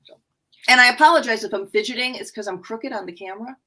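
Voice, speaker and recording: A woman's voice: fairly high pitch, fast, pushed and bright, rough recording. A woman author chatting on a video call, rambling and restarting her sentences. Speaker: romance and mystery author. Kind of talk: casual video chat.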